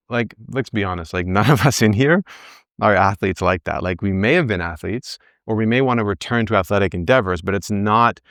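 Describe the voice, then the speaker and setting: With a fairly low, slightly bright voice, a man in his early forties coaches a group through back pain in a relaxed, motivational way. He frequently tosses in "right?" and speaks his own inner thoughts aloud as quotations. Studio-quality audio, no echo.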